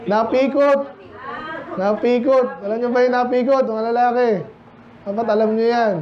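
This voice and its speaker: A man's voice: extremely high pitch, little pitch movement, fairly quick, highs cut off. A man with a Filipino accent preaching a casual, joking midweek Bible study sermon to his congregation. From Philippines. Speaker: pastor. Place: church.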